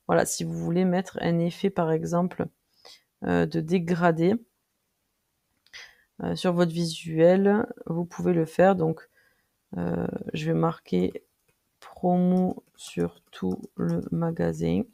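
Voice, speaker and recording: Heavily gravelly, dark-voiced tutorial presenter. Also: mid-range voice, level tone. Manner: hesitant, frequent filler pauses while clicking through; friendly, addresses viewers directly. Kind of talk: casual screen-recorded tutorial.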